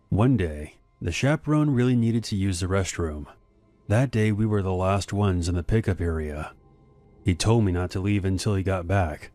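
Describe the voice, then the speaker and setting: Deep-voiced man narrating horror stories. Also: darkish tone, dry recording. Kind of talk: scripted first-person narration.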